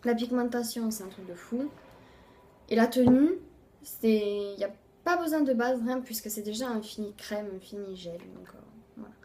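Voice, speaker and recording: Casual beauty vlogger, a woman with a slightly raised voice, chatty, lets her phrases fade out quietly. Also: a little high, a little hiss or hum. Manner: chatty, fills pauses with "voilà"; voice often trails off softly at phrase ends. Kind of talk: casual monthly favorites review.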